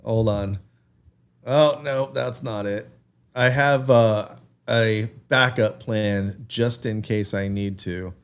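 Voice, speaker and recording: A man's voice: fairly low pitch, steady tone, takes it slowly. Man, 30s, podcast co-host, rambling, self-amused, casual and live. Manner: rambling, self-amused, thinks aloud with many fillers. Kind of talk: casual fan podcast chat. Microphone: desk mic with camera, streaming live.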